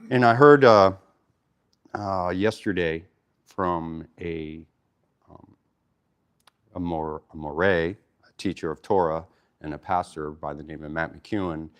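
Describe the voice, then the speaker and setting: A man's voice: deep voice, slow pace, long pauses, clean tone. A man teaching a casual Torah study, who often stops to explain Hebrew terms and talks with frequent fillers and restarts.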